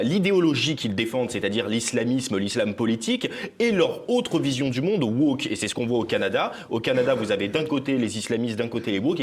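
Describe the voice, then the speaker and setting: A man on a talk show panel, arguing insistently and repeating himself when cut off. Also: medium pitch.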